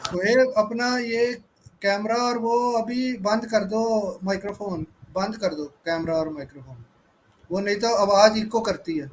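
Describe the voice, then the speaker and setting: Guy teaching kids on a video call, slow and high, spells every word out. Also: a little hiss or hum, poor audio. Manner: slow, patient spelling out of words letter by letter. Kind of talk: online class for children.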